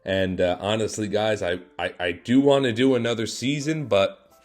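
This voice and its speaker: A man giving play-by-play commentary over his own video game, excitable and quick to jump up loud at big moments, his voice a little worn. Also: on the low side, soft background music. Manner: excitable, voice jumps up and gets loud at big plays. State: losing his voice. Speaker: gaming YouTuber.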